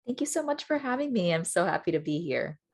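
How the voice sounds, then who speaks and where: A young woman from Miami with a slightly low voice talks as an author on a video call. She is reflective and unhurried in her thinking, with plenty of fillers and restarts. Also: big pitch swings. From Miami, Florida (Cuban American). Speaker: author and guest. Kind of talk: casual conversational interview.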